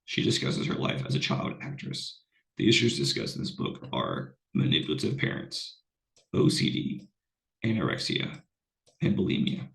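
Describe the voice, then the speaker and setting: A man's voice: very deep voice, wildly swooping pitch, moderate pace, gravelly, fairly bright tone. A man, a college English instructor, giving a casual recorded online lecture while unwell, rambling with fillers and restarts. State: unwell, voice sounds off.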